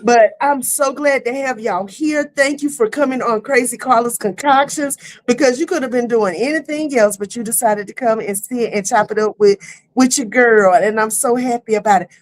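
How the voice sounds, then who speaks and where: A middle-aged woman hosting a casual online talk show, lively and laughing, with easy "y'all" talk. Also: a little high, moderate pace. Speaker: host. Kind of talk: casual chat. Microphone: streaming setup.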